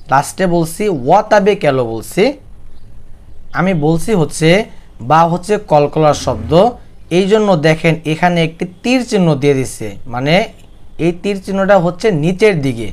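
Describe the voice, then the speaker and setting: High clear-voiced man chanting slowly. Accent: Bangladeshi. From Bangladesh. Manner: alternates slow drawn-out chanting with quick spoken explanation. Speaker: Quran recitation teacher. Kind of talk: recitation lesson.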